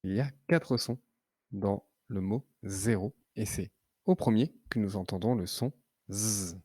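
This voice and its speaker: A man teaching children to read, sounding out syllables slowly and clearly. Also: lowish voice, warm tone, no echo, studio quality. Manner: slow, clearly articulated syllables. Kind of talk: reading lesson for children.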